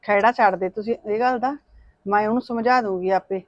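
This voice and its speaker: A woman's voice: mid-range voice, a little fast, no echo, lo-fi sound, natural voice. An older woman playing a worried mother caught between her son and her daughter-in-law, pleading and fretful. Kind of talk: Punjabi short film acting.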